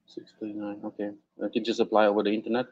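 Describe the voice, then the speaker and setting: Husky man on a muffled call line. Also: lowish voice, monotone. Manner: short, quick questions. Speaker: caller. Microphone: webcam on a video call.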